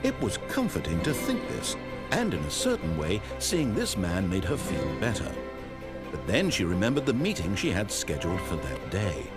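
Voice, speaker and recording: An actor playing a composed, articulate omniscient narrator in a video game, telling a story in a measured storybook style. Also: male voice, low voice, huge pitch swings, over loud music.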